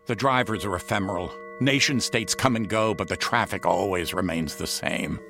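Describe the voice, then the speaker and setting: A detached traffic reporter who muses like a philosopher. His deep, creaky voice sits over a music bed, ponderous and comic, for a radio show. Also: normal speed. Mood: musing. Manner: ponderous, existential musing. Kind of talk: radio comedy.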